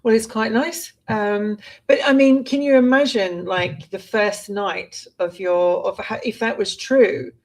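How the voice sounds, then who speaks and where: A woman from Britain co-hosts a casual podcast conversation. She talks in an animated, chatty way and often restarts her sentences. Her voice sits at an ordinary middle pitch for a woman. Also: measured pace, few pauses, low-quality recording. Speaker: co-host. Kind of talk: casual chat.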